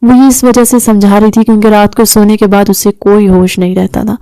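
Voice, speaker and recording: A woman reading an audio novel aloud in a steady storytelling manner. Her voice is mellow and warm, recorded dry and close. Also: medium pitch, smooth, dry recording. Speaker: audiobook narrator. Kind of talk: scripted narration of an Urdu novel.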